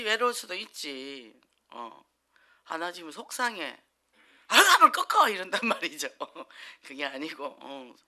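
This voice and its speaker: A woman's voice: lowish voice, bright, forceful tone. A woman pastor giving a chatty sermon in church, acting out little quoted exchanges and laughing often. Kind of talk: conversational sermon.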